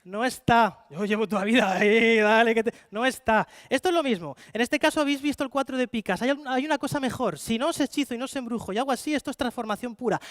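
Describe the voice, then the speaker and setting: Male stage magician, Spanish accent, very high voice, brisk playful patter, dry close sound. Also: fairly bright tone, no echo. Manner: fast, playful showman, coaxing volunteers. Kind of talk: live card-magic show with audience volunteers. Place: conference hall with live audience.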